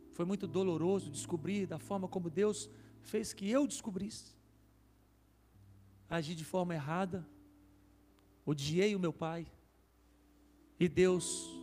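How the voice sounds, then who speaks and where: A man preaching as a pastor, telling a story with emotion and rising intensity at its peaks. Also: fairly high pitch. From Brazil. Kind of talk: sermon testimony. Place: church hall. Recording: reverberant church hall with soft music.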